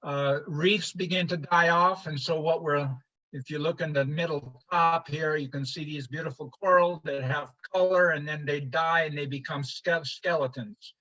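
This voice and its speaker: Older man lecturing, bright muffled voice. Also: a little high, fairly even intonation. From Honduras. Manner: halting, many fillers and restarts. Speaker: presenter. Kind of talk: informal slide lecture. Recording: muffled lo-fi livestream audio.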